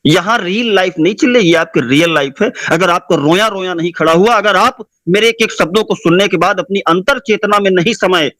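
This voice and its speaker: A man's voice: sits high, fairly quick, few pauses, fairly bright tone, no echo. A man giving an impassioned motivational speech to listeners, repeating his points and exhorting them. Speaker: motivational speaker.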